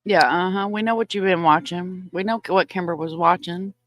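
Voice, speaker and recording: A woman hosting a casual live chat, swearing freely and laughing loudly. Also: fairly low pitch, steady tone, normal speed, no echo. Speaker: live stream host.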